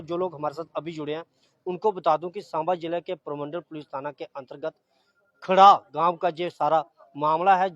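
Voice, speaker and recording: Formal male field news reporter. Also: a little high. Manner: formal, measured delivery. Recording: dull, lo-fi field audio.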